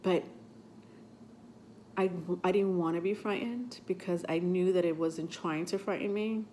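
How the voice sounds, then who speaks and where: Still getting over a cold, the tarot vlog host sounds a little stuffy in her lower-pitched, mellow voice. She speaks unhurriedly to camera, chatty and rambling with lots of fillers, over a faint background hiss.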